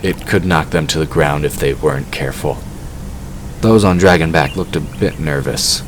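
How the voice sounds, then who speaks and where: With clear background ambience, an exceptionally deep-voiced male narrator reads a scripted fantasy audio drama story at a normal pace.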